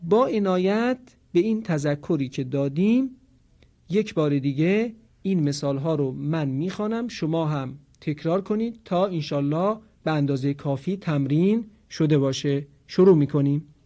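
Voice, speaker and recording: Male recitation teacher, slightly high voice, patient explanations, slow drawn-out example chants. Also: lively intonation, mellow, dull audio.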